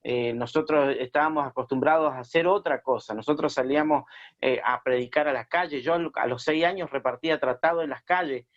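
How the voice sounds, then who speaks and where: A man's voice: fairly high pitch, a little fast, highs cut off. A man from Chile, a pastor telling his testimony in a radio interview, hesitant with many fillers and restarts.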